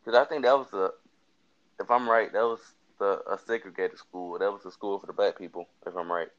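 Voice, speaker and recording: A young man with a very low, deep voice, speaking in a relaxed, drowsy way late at night. He hedges and takes his time as he co-hosts a loose chat. The sound is dull and lo-fi. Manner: laid-back, hedging, unhurried. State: tired. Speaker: co-host.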